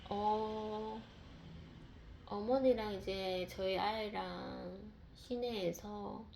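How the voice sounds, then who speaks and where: A woman's voice: mid-range voice, steady tone, drawn-out words, gravelly, a little mellow, slight background noise. A mother telling a personal faith testimony, rambling, with many fillers and repeated words.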